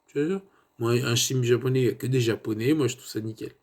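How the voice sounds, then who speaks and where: Man, 30s, mid-pitched and mellow, digressive casual film reviewer. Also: quick pace. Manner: rambling and digressive, many fillers and tu vois asides.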